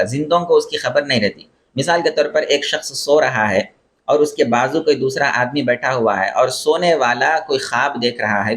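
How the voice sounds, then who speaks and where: A man's voice: mid-range voice, fairly bright tone. A male Islamic scholar giving a religious lecture, explaining terms and repeating phrases for emphasis. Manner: explains terms and corrects pronunciation. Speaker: Islamic scholar teaching beliefs.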